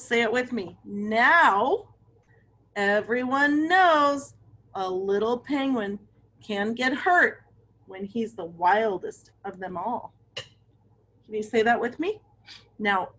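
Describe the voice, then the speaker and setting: A woman with a medium-pitched, slightly bright voice reads a picture book aloud to children as a storyteller. She adds chatty asides and asks her young listeners questions along the way.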